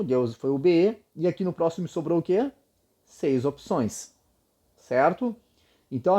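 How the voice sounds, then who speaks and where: A man's voice: fairly high pitch, warm tone. A man, patiently explaining combinatorics step by step and often checking in with short tag questions. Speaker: math tutor.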